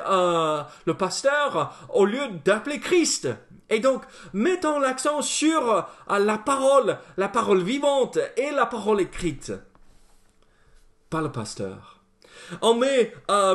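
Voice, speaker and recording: A pastor preaches to his congregation in a high voice. He pauses often on fillers and restarts his phrases as he works through his points. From not France. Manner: hesitant, many fillers and restarts. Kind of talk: sermon. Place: church.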